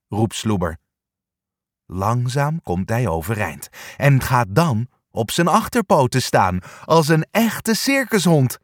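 A man reading a children's storybook aloud, slow and unhurried. His voice swings widely in pitch as he brings the narration to life. The recording is dry and close with no room sound. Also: no room sound. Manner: expressive, animated reading.

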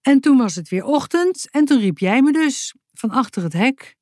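A woman's voice: sits high, expressive, moderate pace, a little mellow, no room sound, studio quality, voice pushed up. A woman voicing an earnest, stubborn small boy in a children's story, insistent in manner.

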